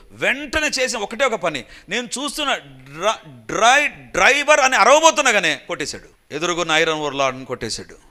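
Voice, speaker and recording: A male preacher recounts a personal story as sermon testimony, acting out the cries and voices of others as he goes. His voice sits a little high and sounds bright, and his pitch swings widely between hushed lows and excited peaks.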